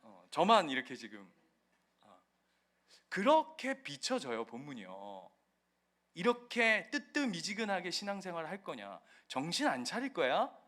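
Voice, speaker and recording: Man, pastor, sermon, church, high voice, animated, acts out scenes. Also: measured pace.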